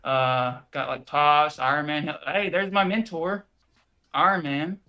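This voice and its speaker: A weary, jokey young male superhero rambles through his adventures while short of breath, as a man acts him out in costume. His voice sits a little high. He comes over a video call. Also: steady tone, a little slow, pushed and bright. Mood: joking. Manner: joking, rambling in character.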